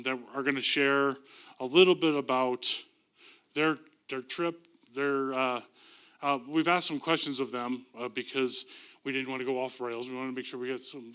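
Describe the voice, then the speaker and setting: A man standing up front in a church, handing off to a panel of speakers. His voice is bright and smooth, and he fills his pauses with ums and uhs. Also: mid-range voice. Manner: hesitant, many fillers. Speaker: church leader moderating the panel. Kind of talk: introducing panel questions in church. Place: church sanctuary.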